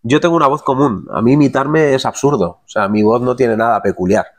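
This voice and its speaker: Relaxed male impressionist chatting. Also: medium pitch, brisk. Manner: relaxed, colloquial, drops into impressions mid-sentence. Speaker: voice impressionist guest. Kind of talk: casual interview chat.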